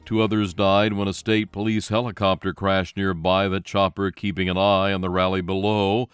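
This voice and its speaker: A man's voice: low voice, flat delivery, normal speed, smooth, dry recording. A man reading scripted radio news as the anchor.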